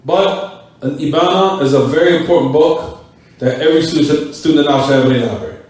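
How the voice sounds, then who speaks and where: A man teaches a class in a mosque, going back over key words and quizzing his students as he goes. His voice sits a little high for a man. It comes from some way off the mic and rings through a very echoey room. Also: brisk, darkish tone, distant mic. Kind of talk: classroom lecture with questions to students.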